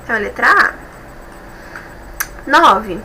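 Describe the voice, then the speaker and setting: A woman's voice: on the high side, lively intonation, takes it slowly, gravelly, bright, forceful tone, slight background noise, low-quality recording. A woman with a Brazilian Portuguese accent, teaching a lesson as she corrects exercises, patient and explaining step by step while she often checks that her students follow.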